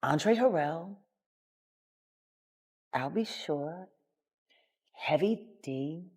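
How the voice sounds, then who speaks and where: A man telling a story slowly and deliberately, with dramatic pauses. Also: fairly high pitch, lively intonation, a little mellow, husky. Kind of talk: casual storytelling.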